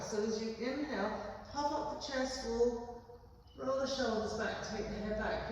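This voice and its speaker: A woman leading a yoga class with gentle, steady cues, often checking in with a quick "okay?". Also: a little high. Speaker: yoga instructor. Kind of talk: guided yoga class instruction. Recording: very echoey room, voice far from mic, faint background noise.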